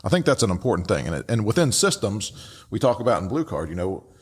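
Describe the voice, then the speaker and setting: A man's voice: on the low side, big pitch swings, a little fast, slightly rough. A man giving casual, explanatory commentary as a host and instructor. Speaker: host and instructor reviewing radio traffic.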